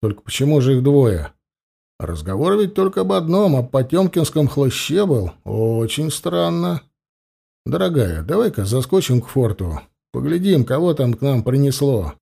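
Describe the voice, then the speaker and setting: Man as a calm, wry officer. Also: mid-range voice, normal speed, creaky, husky, exaggerated voice. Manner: calm, dry humor. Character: lieutenant colonel, family man, calm and wry.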